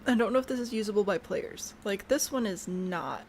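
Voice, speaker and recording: A woman's voice: medium pitch, a little fast, a little mellow, slight background noise. A woman chatting casually to herself while she builds in a video game, bubbly and prone to trailing off mid-thought. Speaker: game streamer.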